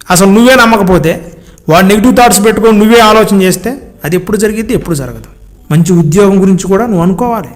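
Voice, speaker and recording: A man preaching a sermon, emphatic and exhorting, piling up repeated phrases and speaking straight to his listeners. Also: high-pitched. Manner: familiar direct address to listeners.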